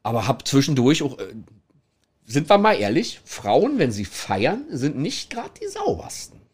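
A middle-aged man with a mid-range voice and a breathy edge tells anecdotes at a measured pace, his pitch swooping wildly. He used to work as a toilet attendant, and he is chatty, laughs a great deal, and tags lines with "ne?" to check in with the listener.

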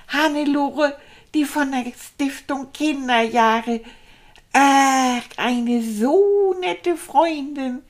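Eine Frau spricht eine plappernde, angeberische männliche Stoffratte, ein Erstklässler, die aufgeregt und mit großen Sprüngen in Tonhöhe und Lautstärke erzählt. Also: female voice. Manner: excitable, chatty, big swings in pitch and loudness. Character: chatty boastful male stuffed toy rat, first-grader. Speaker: puppet show host. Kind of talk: children's puppet show.

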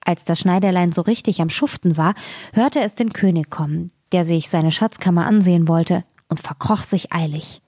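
Calm woman reading a fairy tale. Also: on the low side, moderate pace, no room sound, clean studio sound. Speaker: storyteller.

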